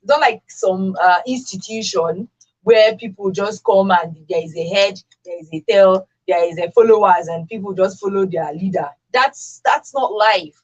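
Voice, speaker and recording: A Nigerian woman hosts a radio talk discussion in a mid-range voice at normal speed. She speaks emphatically and with strong opinions, repeating phrases to drive her points home, and the audio is dull.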